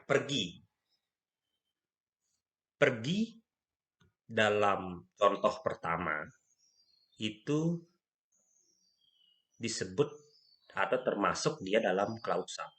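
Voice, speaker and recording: Low-voiced man giving a slow grammar lecture. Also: expressive, a bit bright. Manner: slow, stressing key words, frequent "ya" and "nah".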